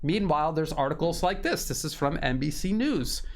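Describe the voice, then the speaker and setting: A man's voice: fairly high pitch, expressive. Man giving emphatic news commentary. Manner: measured, emphatic, repeats words for stress. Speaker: political commentator. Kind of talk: solo news commentary reading articles.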